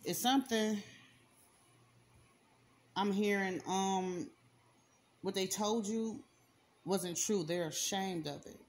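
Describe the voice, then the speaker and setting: A woman gives a casual spiritual card reading at a table indoors, with her hands and cards on camera. Speaking straight to the viewer, she repeats herself for emphasis and uses slang. Her voice is medium in pitch, slow, with long pauses and slight background noise.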